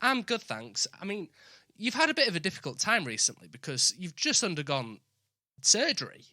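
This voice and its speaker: A man's voice: high-pitched, huge pitch swings, normal speed, sharp tone, dry recording, studio quality. A man hosting a casual podcast interview. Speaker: podcast host.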